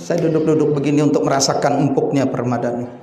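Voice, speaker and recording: A middle-aged man preaching a sermon, telling a personal story and swinging between hushed and excited delivery. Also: mid-range voice, quick pace, slight background noise. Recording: echoey room with faint ambience.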